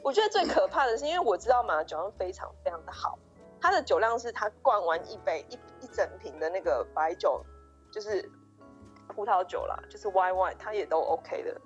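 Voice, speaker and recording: Fast-talking young woman telling a story. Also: medium pitch, dull audio, soft background music. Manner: animated, breathless retelling with many restarts and quoted dialogue. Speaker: podcast co-host. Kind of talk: casual storytelling chat.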